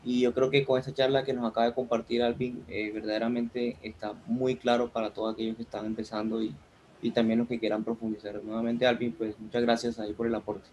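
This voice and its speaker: A man's voice: mid-range voice, little pitch movement, fast, darkish tone, slight background noise. A man co-hosting a community livestream who speaks hesitantly, with many fillers.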